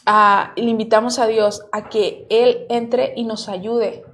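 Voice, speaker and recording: A woman's voice: a little high, level tone, slow, a bit bright. A woman co-hosting a casual faith podcast, speaking in an earnest, teaching way. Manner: earnest, quotes scripture, teaching tone. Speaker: podcast co-host.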